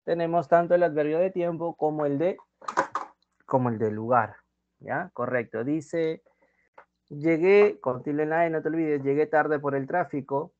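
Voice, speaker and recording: A man with a Peruvian accent teaching a grammar class online, reading example sentences slowly and loudly, then dropping to quiet asides. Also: fairly high pitch, a little hiss or hum. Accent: Peruvian Spanish. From Peru. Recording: dull dry lo-fi sound.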